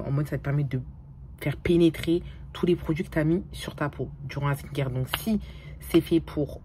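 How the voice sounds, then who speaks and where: A tired young woman with a low voice chats casually to her camera, swearing freely and slipping English phrases into her talk. A faint hiss sits under the recording. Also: mellow. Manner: chatty, swears often, mixes English phrases into her French. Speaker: vlogger. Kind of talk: casual vlog chat.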